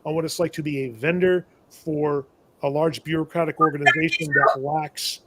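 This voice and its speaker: On a live show, a shop owner who sells tools to stores spins a long, meandering business story, laughing at his misfortunes and frequently correcting himself. His voice is a bit high and sharp in tone, steady, at a normal pace.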